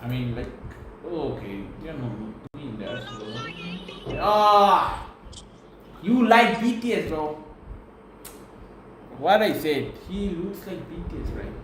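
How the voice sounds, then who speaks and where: A man's voice: a little high, lively intonation, takes it slowly, a bit bright, soft background music. A young man streaming live, talking to strangers in a playful, teasing way with mumbled asides. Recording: very echoey room, faint noise.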